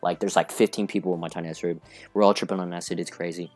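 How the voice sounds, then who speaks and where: With soft background music underneath, a young man on a podcast rattles off a long, wandering story at rapid-fire speed, laughing and using lots of fillers. His voice is low and a little mellow, with little pitch movement.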